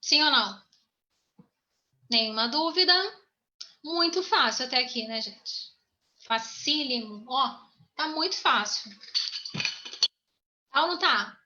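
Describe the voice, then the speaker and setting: A woman teaches a grammar lesson in a high, bright voice, taking her time over each point. She keeps repeating herself and checking that her students follow along. The recording sounds dull and lo-fi. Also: animated, takes it slowly, pauses often.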